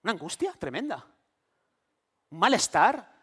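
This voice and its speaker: A middle-aged pastor delivers his sermon in a high, light voice. He tells his story vividly, acting out the voices of the people in it as he goes. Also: big pitch swings, unhurried, fairly bright tone, husky. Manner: storytelling preacher who acts out quoted voices.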